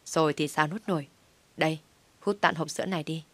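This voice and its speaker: A fretful young office buddy, read by a woman, chattering fast in a low voice. The sound is dry and close, from a storybook reading. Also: steady tone, no room sound. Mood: worried. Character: young man, worried loyal office friend.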